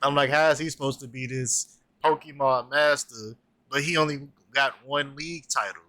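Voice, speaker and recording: A man's voice: medium pitch, normal speed, dry recording. A man in his twenties chatting casually about cartoons, rambling with lots of filler words. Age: 20s. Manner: animated, rambling with many "like" fillers. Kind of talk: casual chat.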